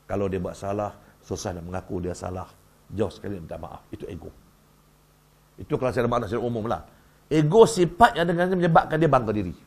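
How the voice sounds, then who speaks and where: Guy giving a jokey mosque talk, gravelly voice, keeps asking the crowd "right?". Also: fairly low pitch. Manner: lively, constant rhetorical questions to the audience. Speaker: religious lecturer. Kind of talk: humorous religious workshop talk. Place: mosque hall.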